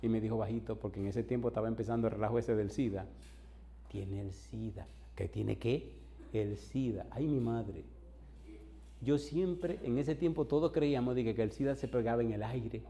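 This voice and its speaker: A man's voice: mid-range voice, moderate pace, mellow, slight background noise. A man preaching as a pastor, telling a long story and acting out the dialogue, in a church hall before an audience. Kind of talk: storytelling sermon.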